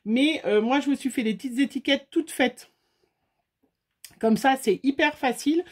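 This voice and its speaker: Woman, chatty craft tutorial host, fairly high voice, lots of fillers. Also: normal speed, slightly rough. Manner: chatty, talks straight to viewers with many fillers.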